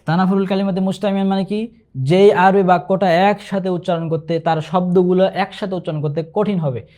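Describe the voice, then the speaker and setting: Male instructor, fairly high voice, patient online exam-prep lesson, repeats each term. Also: fairly even intonation, darkish tone. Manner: explains patiently, repeats key terms and asks rhetorical questions; slows to recite Arabic examples.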